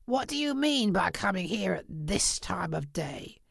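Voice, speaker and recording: A woman voicing an exuberant elderly English gentleman in a storybook reading, emphatic and theatrical. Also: fairly low pitch, very animated, unhurried, gravelly, slightly rough, dry recording, clean studio sound, heavily acted. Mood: feigned sternness. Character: elderly English gentleman, gruff turned giddily jolly.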